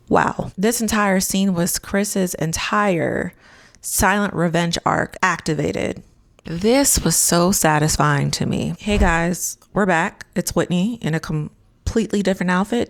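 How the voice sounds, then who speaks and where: Woman host, low gravelly voice, emphatic and dramatic recap commentary, dry close sound. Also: no echo. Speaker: reality show recap host. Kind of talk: casual commentary vlog.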